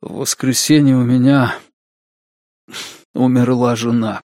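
A man reading the lines of a dazed, grieving widower who speaks quietly and hesitantly, in an audiobook. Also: mid-range voice, expressive, a little slow, no room sound, clean studio sound. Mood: numb.

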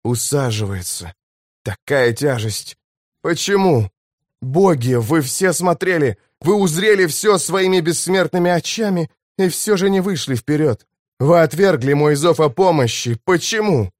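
A man doing an exhausted warrior-priest, rasping and halting under a great burden, grave and solemn. His words come slow and heavy, then rise into a strained plea. The sound is dry and close. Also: fairly high pitch, lively intonation, no echo, voice pushed up. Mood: anguished.

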